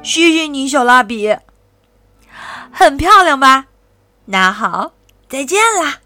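A tiny, eager crayon stub chirps in a high, lively voice, as a woman puts it on. It sounds kind and sing-song, like a storybook hero, and soft music plays behind it. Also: takes it slowly, dry recording, exaggerated voice. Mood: cheerful.

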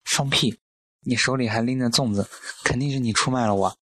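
A man voicing a hot-tempered young man who protests to his mother in a storybook reading, with a low, dry voice. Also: a little fast, dry recording, lightly acted. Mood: angry. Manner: exasperated protesting.

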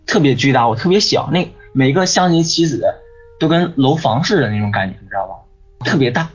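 A man's voice: mid-range voice, animated, fairly quick, breathy edge. A man, talking as a guest who tells a personal story at length, repeating words and often asking "you know?". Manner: rambling, repeats words, frequent "你知道吗". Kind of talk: casual storytelling on a ghost-story podcast. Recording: dull lo-fi sound with faint music behind.

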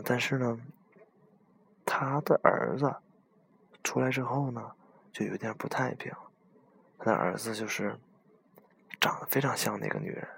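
Man, whispered storytelling, low voice, gravelly, hesitant, repeats phrases. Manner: hushed, hesitant, repeats himself.

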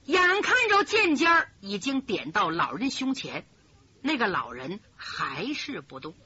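A woman telling a martial-arts story in the traditional storytelling style, dramatic and animated, in a dull lo-fi recording. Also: fairly high pitch, measured pace, husky. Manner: animated, dramatic, voices every character.

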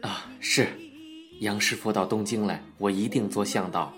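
A man voicing a polite, gentle middle-aged man in an audiobook reading. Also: lowish voice, moderate pace, voice pushed down, lightly acted. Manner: polite, gentle, soft-spoken. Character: courteous middle-aged man living in Japan, soft-spoken. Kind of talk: audiobook character voice.

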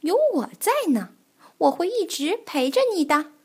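Small excitable storybook animal pal, high and lively; woman puts it on. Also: normal speed. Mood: caring. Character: small toothless animal friend, eager and caring.

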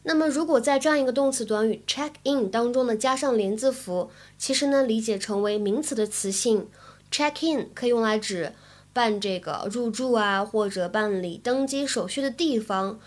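Woman English teacher, slightly high voice, clear and careful explanations. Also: moderate pace. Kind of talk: language lesson.

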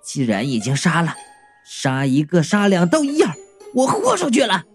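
A man voicing a ruthless young male student who sneers with flat, cold menace in an audiobook. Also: high-pitched, moderate pace, soft background music.

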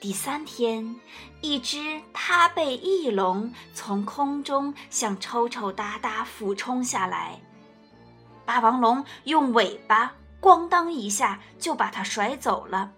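A woman reading a picture book aloud as a storyteller, gentle and expressive. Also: a little high, slow, faint music behind.

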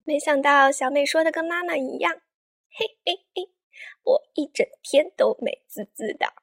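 Storyteller: woman, high bright register, gentle children's picture-book narration, coaxing tone. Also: moderate pace, gravelly. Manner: warm, coaxing tone addressing children.

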